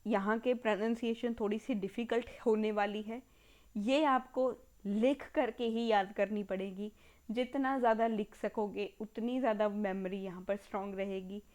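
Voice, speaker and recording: A woman with an Indian accent giving an exam-prep history lecture, slowly repeating key terms as if dictating and mixing Hindi with English words. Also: mid-range voice, fairly even intonation, darkish tone. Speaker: history teacher.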